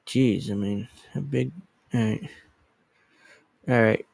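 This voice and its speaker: This livestream host, a man in his thirties, talks slowly in a low, gravelly, husky voice that is a little mellow. He rambles casually and scatteredly, with self-deprecating humor and offhand profanity, into a dedicated microphone with no room sound.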